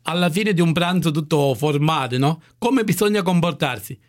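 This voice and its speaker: A man's voice: a little high, normal speed, lightly acted. An actor playing a comic, boorish know-it-all who gives absurd etiquette lessons in a radio sketch, insistent and stumbling over his words. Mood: pompous, insistent. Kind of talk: improvised radio comedy sketch.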